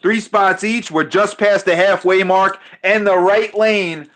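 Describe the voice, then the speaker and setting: High-voiced excited male race caller. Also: measured pace. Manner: excited, repeats his calls, stumbles over names. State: losing his voice. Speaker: race commentator. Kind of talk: live play-by-play commentary on a diecast car race.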